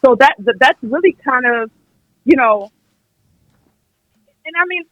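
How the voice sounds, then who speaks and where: A young American woman who has called in to a podcast argues emphatically and conversationally, regularly acting out what other people would say. Her high voice is animated and a bit bright, with a somewhat slow delivery. The lo-fi recording has no room sound.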